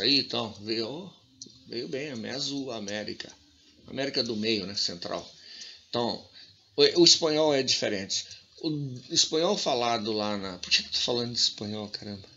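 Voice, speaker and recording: A Brazilian man talks through a casual language lesson, thinking aloud with lots of fillers and stretching out sounds to demonstrate them. His voice is bright and somewhat low. The recording is dull and lo-fi, with faint hiss and clicks. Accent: Brazilian Portuguese. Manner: demonstrates pronunciation slowly and with emphasis. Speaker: language teacher.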